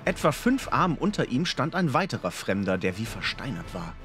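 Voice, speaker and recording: A man narrating a fantasy audiobook in a dramatic, expressive storytelling manner. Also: medium pitch, a little fast, soft background music.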